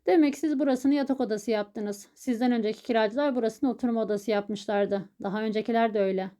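A woman voicing a calm, smug male burglar in an audiobook, speaking in a matter-of-fact way. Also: on the high side, fairly quick, natural voice. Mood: nonchalant.

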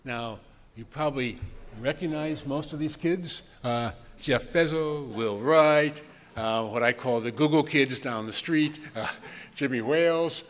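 A man's voice: medium pitch, unhurried. Older man giving a keynote in a hall. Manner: conversational, chuckling asides, frequent ums. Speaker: keynote speaker. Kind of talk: conference keynote lecture. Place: large conference hall with audience. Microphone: podium microphone. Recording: long hall reverb, faint room noise.

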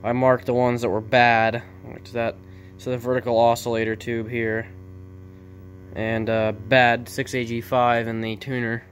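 A vintage TV repair hobbyist narrates his own video off the cuff, talking informally and haltingly into a handheld camera in an indoor workshop. His mid-range voice stays level, and there's a little hiss or hum on the recording.

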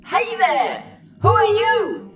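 A man doing an excitable little satellite boy. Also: extremely high pitch, takes it slowly, voice pushed up, heavily acted. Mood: eager. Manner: excitable, shouting. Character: small cheerful boyish satellite robot.

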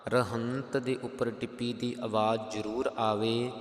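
A man with a Punjabi accent teaching scripture pronunciation, chanting verses slowly and then explaining each letter. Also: medium pitch, little pitch movement, echoey room, long reverb tail. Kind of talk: Gurbani pronunciation lesson with sung recitation.

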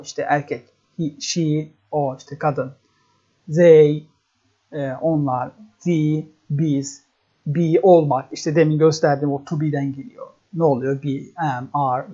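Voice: medium pitch, mellow, husky. An English teacher giving a casual spoken lesson, explaining step by step and asking rhetorical questions before answering them. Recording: slightly dull lo-fi recording.

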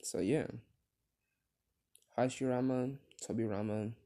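Slow, dark-voiced young man rambling a story. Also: medium pitch. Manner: rambling, many fillers and restarts. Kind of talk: improvised fan-fiction storytelling.

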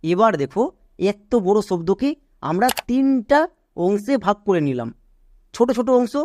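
A pronunciation teacher who spells English words out slowly, letter by letter, in an encouraging online lesson and often checks that learners are following. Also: mid-range voice, very animated, darkish tone, a little hiss or hum. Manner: encouraging, asks learners quick check questions.

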